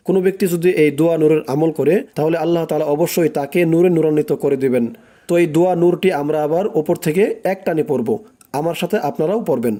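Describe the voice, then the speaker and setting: Using a slightly high voice with a dark tone, a man conducts a recitation lesson. He separates words into syllables and prolongs the phrases while listeners repeat after him.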